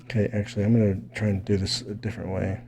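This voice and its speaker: Thinking out loud and frequently tossing in "right?", a man gives a rambling, casual fighting game tutorial as a gaming video creator. His voice is on the low side and darkish, quick, with little pitch movement.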